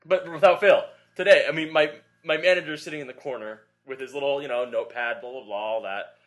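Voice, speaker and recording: A young man co-hosting a casual fitness podcast. He tells stories in a rambling, animated way, piling up fillers and asides. His voice sits at an ordinary middle pitch. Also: quick pace. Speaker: podcast co-host and Pilates instructor.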